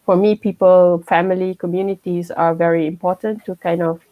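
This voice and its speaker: A woman's voice: fairly low pitch, fairly even intonation, normal speed, no room sound, phone-quality sound. A woman from Malaysia who has a young child, sharing her views in a casual group discussion, with many fillers and restarts. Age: adult with a child. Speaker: workshop participant.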